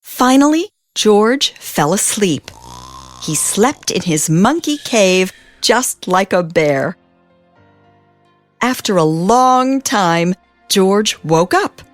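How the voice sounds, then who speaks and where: An expressive woman narrator reads a children's storybook aloud at medium pitch, phrasing deliberately and drawing out words for emphasis. Soft music plays in the background.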